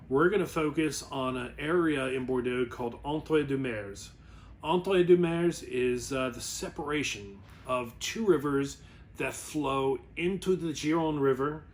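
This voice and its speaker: A man presents a wine review like a casual, rambling explainer, often correcting himself as he goes. His voice is mid-range, and there's a little hiss or hum on the recording.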